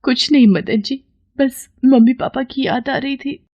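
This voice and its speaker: A woman voicing a meek, kind young daughter-in-law who speaks softly and politely in a cartoon story. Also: a little high, normal speed, muffled recording, voice pushed up, close to an everyday voice. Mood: sad. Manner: soft, gentle, polite.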